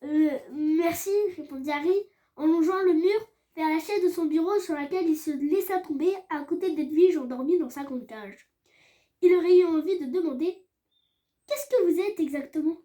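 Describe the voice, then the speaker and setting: A woman reading a novel aloud as an audiobook, calm and measured. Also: very high voice. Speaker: audiobook reader.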